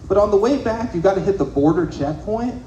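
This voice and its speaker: A man's voice: sits high, lively intonation, a little fast, dark tone, lo-fi sound, slight background noise. A young man doing a loose, profane stand-up comedy set on a club stage. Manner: loose, profane, conversational storytelling. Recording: echoey club room, faint ambience.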